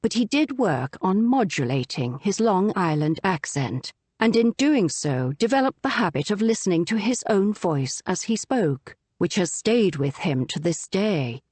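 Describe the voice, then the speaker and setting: Woman narrating with a lively, varied pitch. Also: unhurried, hardly any pauses, breathy edge, dry recording. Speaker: audiobook narrator. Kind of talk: scripted nonfiction narration.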